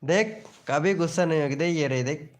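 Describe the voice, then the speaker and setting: A man's voice: a little high, brisk, a little hiss or hum. A young man hosting a casual live stream, joking and teasing viewers by name.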